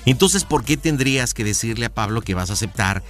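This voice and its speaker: A man's voice: mid-range voice, lively intonation, fairly quick, faint music behind. A man with a Mexican accent hosting a radio prank show, playful and teasing, full of slang. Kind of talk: joking radio chat with a caller.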